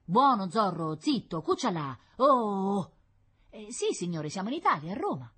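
A woman's voice: fast, slightly rough, exaggerated voice. A woman voicing a bold, eager young boy in a storybook reading. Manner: eager, lively, high-pitched.

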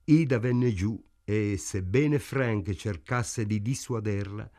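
A man reading a novel aloud in a measured, even way. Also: fairly low pitch. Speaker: narrator. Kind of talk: audiobook narration.

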